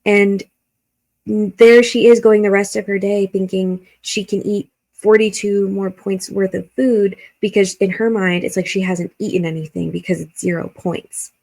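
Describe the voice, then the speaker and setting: A woman's voice: mid-range voice, level tone, unhurried, a little mellow. A woman hosting a reaction video, giving blunt, critical commentary and swearing freely.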